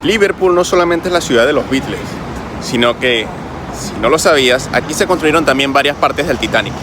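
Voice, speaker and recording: A man's voice: mid-range voice, animated, fairly quick. Chatty Caribbean man vlogging outdoors. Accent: Caribbean Spanish. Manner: chatty, explanatory, addresses viewers directly. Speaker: travel vlogger. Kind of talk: casual travel vlog explanation. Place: outdoors on a city street. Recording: clear street noise behind voice. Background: traffic and street ambience.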